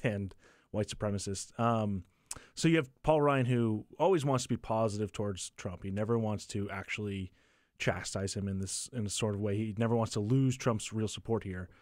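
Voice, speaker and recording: A man speaks as a guest political reporter with a slightly low voice. He talks casually and fills his analysis with easy laughs and filler words. The recording is dry and close to the mic. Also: darkish tone, no echo.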